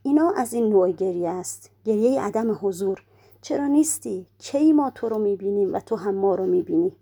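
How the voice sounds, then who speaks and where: A woman's voice: mid-range voice, lively intonation, warm tone, husky. A woman giving a religious lecture, explaining step by step and posing rhetorical questions that she then answers herself. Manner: slows down to recite prayer quotations.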